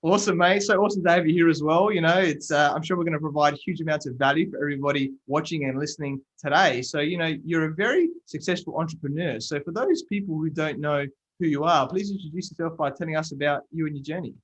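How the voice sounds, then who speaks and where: A man hosting a business podcast over a video call, with a fairly high voice. He delivers his introductions with punch and emphasis, then asks his questions in a looser, halting way full of fillers. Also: a bit bright, lo-fi sound. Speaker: podcast host. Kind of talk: interview.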